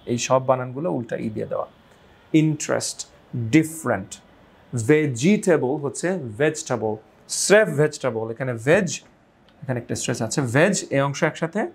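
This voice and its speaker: A man teaching English pronunciation to learners at a middle pitch. He walks through each point step by step and asks the viewers questions. He says example words several times, slowly and carefully. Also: vocal fry, breathy edge. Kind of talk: spoken language lesson.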